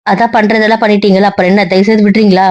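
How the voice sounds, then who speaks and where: A woman's voice: mid-range voice, flat delivery, very fast, darkish tone, no echo, muffled recording, lightly acted. A woman playing a hurt young wife who speaks sarcastically and coldly to her husband on the phone, in an amateur audio drama. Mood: bitter. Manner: sarcastic, cutting.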